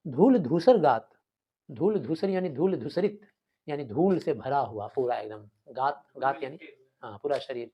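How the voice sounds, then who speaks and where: A man teaching a class, explaining a poem line by line, reciting the verses slowly and often checking that his students follow. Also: mid-range voice. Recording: dull lo-fi sound.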